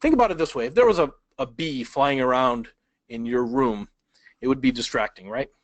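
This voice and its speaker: A man teaching an online webinar from his laptop in a conversational way. He asks the audience questions and keeps changing his speed and loudness for emphasis. His voice sits at an ordinary male pitch, and the recording is dry, with no echo. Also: fairly quick. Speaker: speed reading instructor. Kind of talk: webinar lesson. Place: indoors at a laptop.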